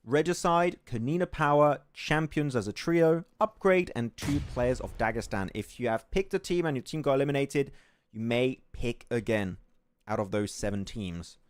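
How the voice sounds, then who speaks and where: A man co-hosting a live esports watch party, commentating with energetic outbursts and frequent laughs. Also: medium pitch, normal speed, no room sound.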